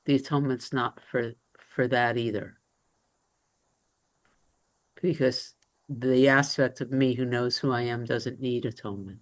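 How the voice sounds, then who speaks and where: A woman's voice: a bass voice, fairly even intonation, a little slow, pauses often. A woman taking part in a spiritual discussion group over a video call, earnest and thoughtful, searching for her words. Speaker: group participant.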